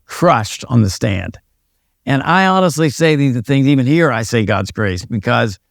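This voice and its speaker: Gravelly older man telling stories. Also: mid-range voice, no echo, clean studio sound. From United States. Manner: self-deprecating, wry storyteller. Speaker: retired police sergeant and pastor, guest. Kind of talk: casual interview storytelling.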